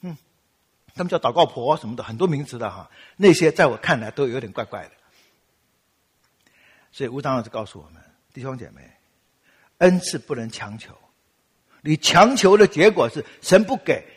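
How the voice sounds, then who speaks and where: A man's voice: medium pitch, breathy edge, big-room sound. A man from Taiwan with a Taiwanese Mandarin accent, preaching a sermon and telling stories, acting out quoted voices. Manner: animated, acts out quotes with laughs. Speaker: pastor. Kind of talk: sermon with storytelling.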